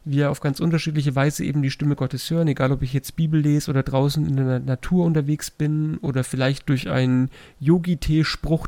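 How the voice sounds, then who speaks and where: A man's voice: on the high side, no echo. A young man, a pastor, chatting casually and retelling stories with acted voices. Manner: relaxed storyteller, acts out voices in retellings. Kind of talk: casual faith podcast chat.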